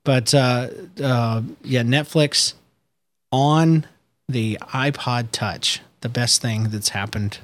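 Joking man on a casual podcast call. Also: slow pace. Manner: joking, breaks into high-pitched impressions and giggles. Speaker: podcast co-host. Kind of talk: casual chat. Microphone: Skype call.

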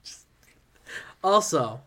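A man co-hosting a casual podcast, rambling and animated, breaking into nervous laughs as he reads aloud. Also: extremely slow. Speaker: podcast co-host.

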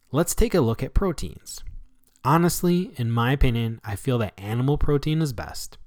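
American guy hosting a health show, very animated and emphatic, dry studio-ish sound, explains stuff. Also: mid-range voice, dry recording. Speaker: radio show host. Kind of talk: scripted solo health talk show.

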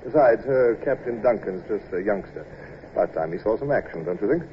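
An actor playing a measured naval commodore who also narrates, in a crisp, dry, reflective manner, in old radio drama style. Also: male voice, on the low side, lively intonation, close to an everyday voice. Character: commanding British naval commodore, measured and wry. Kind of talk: 1950s radio drama acting. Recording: dull old radio recording with faint hiss.

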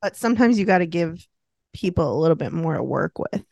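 Woman, lively swooping voice, teasing, coaxing, casual podcast chat, dry close mic. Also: on the low side, a little fast, creaky, no echo. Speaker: podcast co-host.

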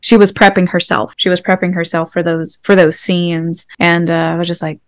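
A woman talking casually in a group discussion, her voice smooth and clear. She laughs easily and acts out quotes with animated energy. The sound is dry and close. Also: on the low side, normal speed, dry recording. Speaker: podcast host, Osage citizen.

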